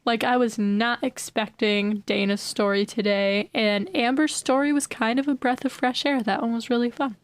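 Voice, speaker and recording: A woman's voice: on the high side, fairly even intonation, moderate pace, few pauses, smooth. A young woman co-hosting a podcast from home, chatting casually and playfully, joking and laughing. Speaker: podcast co-host. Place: home bedroom.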